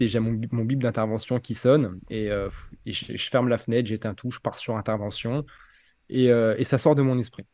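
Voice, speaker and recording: A man in his forties from France tells his story in a casual interview, acting out the exchanges with lively quoted dialogue and many fillers. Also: mid-range voice, no echo. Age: 40s. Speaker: interviewee, ultra triathlete.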